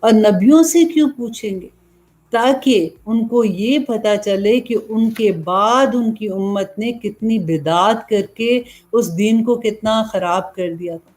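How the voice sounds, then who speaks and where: A woman's voice: mid-range voice, slow, a little mellow. Woman preacher, earnest lecturing sermon style. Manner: earnest, explanatory, asks and answers own questions. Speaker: Islamic preacher. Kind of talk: religious lecture.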